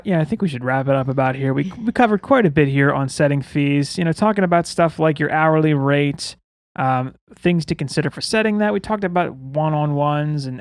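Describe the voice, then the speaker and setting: A man's voice: fairly high pitch, dry recording. A man hosting a podcast in casual, chatty style, with whistling S sounds when he speaks. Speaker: podcast host.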